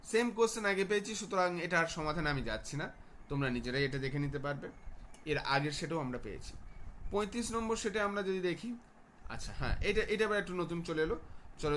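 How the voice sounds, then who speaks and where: Teacher explaining exam answers, fairly high voice. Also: male voice, animated, fast talker, fairly bright tone, slight background noise. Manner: explanatory, checks in with students often.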